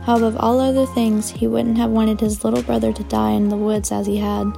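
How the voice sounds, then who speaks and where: A woman reading a novel aloud in measured, dramatic storytelling. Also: a little high, little pitch movement, vocal fry, music in the background. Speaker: audiobook narrator. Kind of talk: scripted narration.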